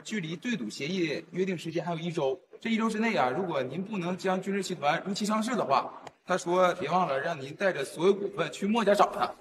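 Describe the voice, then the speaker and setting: A brisk messenger speaks in lively, high-pitched melodrama style. The sound is distant, with hall reverberation and clear noise. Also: male voice. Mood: smug urgency. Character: brisk male messenger relaying an ultimatum. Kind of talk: melodramatic short-drama acting. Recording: distant echoey hall, noisy.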